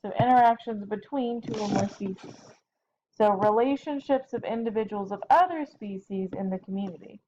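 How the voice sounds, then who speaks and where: A woman's voice: medium pitch, normal speed. A tired woman biology teacher giving a chatty recorded lecture from home, correcting herself and adding casual asides. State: tired, yawning. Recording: dull lo-fi home recording with faint noise.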